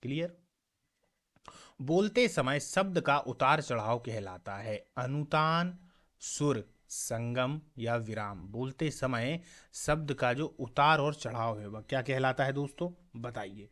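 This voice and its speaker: A man teaching a mock exam class, reading each question and its options aloud, repeating them, asking viewers for the answer and often checking "clear?". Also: mid-range voice, animated, takes it slowly, fairly bright tone. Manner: checks understanding with a frequent "clear?"; addresses viewers as friends.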